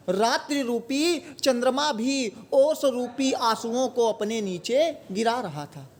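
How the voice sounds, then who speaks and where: A man explaining a poem line by line, asking his own questions and answering them. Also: very high voice. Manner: repeats words and asks questions then answers them himself. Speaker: Hindi teacher.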